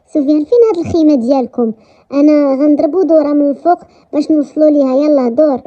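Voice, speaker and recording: A woman's voice: high voice, steady tone, very fast, close to an everyday voice. A woman with a Moroccan accent voicing a teasing young male math teacher in a romance story. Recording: dull lo-fi recording.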